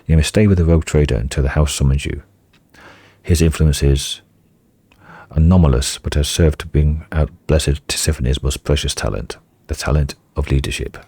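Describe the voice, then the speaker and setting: A man's voice: a bass voice, fairly even intonation, moderate pace, dark tone, slightly rough, dry recording, exaggerated voice. A man reading a stern, grave noble regent. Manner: grave, formal.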